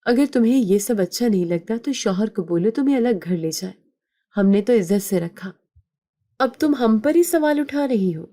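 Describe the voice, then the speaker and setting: A woman voicing a harsh, commanding older mother-in-law in a spoken story, scolding in a sharp tone. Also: mid-range voice, expressive, lightly acted. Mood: angry.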